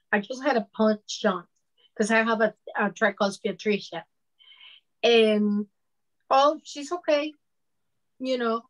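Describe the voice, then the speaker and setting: In a low-quality recording, a woman in her fifties from Venezuela gives a personal account on a discussion panel. Her voice is fairly high, carrying a Venezuelan Spanish accent, and she speaks conversationally with many "you know"s.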